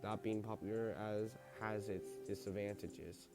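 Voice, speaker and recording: A man narrating a visual novel as he plays, reading haltingly, with stumbles and self-corrections. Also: on the low side, steady tone, music in the background. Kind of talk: narrated read-through with character dialogue.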